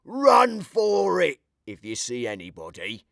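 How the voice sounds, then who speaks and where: A man voicing a soft-hearted male burglar with rough slang, drawing out his words slowly. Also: on the high side, wildly swooping pitch, dry recording, studio quality, pitched above the performer's own voice, heavily acted. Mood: coaxing. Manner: slow, drawn-out delivery.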